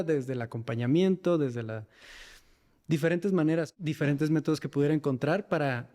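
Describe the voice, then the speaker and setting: This podcast guest, a man with a northern Mexican accent who facilitates men's mental health work, talks reflectively about himself and what he does. His voice is fairly high yet dark in tone, followed by a long reverb tail.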